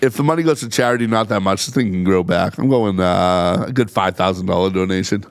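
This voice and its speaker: A man who sounds high, co-hosting a casual chat, giggly and easily distracted. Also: quick pace, gravelly, dry recording. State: high on cannabis.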